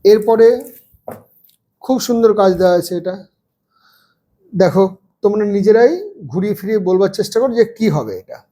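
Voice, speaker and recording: A man teaching a first-grade English lesson, spelling words out slowly letter by letter. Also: high voice, lively intonation, mellow.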